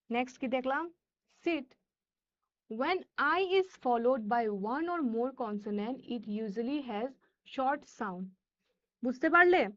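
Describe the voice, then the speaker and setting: High-voiced bengali-accented woman teacher, reads words out real slow, kinda muffled lo-fi audio. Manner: slow, deliberate word-by-word reading, switching to quick asides. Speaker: English teacher. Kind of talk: classroom lesson for children.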